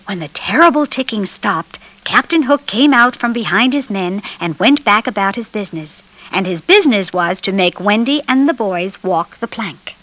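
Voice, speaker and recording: A woman's voice: medium pitch, animated, normal speed, few pauses, fairly bright tone. A woman reading a children's storybook aloud as narrator, telling it expressively.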